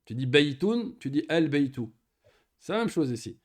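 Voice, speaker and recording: A man's voice: a little high, sing-song. Man teaching Arabic grammar step by step. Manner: patient, explains step by step, checks understanding often; pronounces Arabic words and phrases slowly. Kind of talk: one-on-one Arabic grammar lesson.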